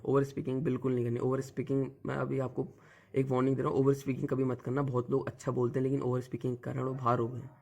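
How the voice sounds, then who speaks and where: Young guy talking fast, coaching for a group discussion, keeps saying the same filler. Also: medium pitch, dark tone. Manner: direct, repeats "matlab" as filler. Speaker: exam coach giving tips. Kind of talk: casual spoken lesson.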